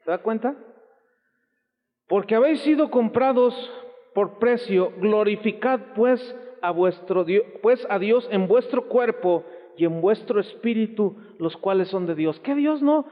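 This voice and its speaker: High-voiced Mexican pastor preaching, tinny hall. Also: male voice, expressive, unhurried. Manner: emphatic, exclaims often, quotes others in voices. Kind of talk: sermon. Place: church hall. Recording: tinny lo-fi 1990s church recording, long hall reverb.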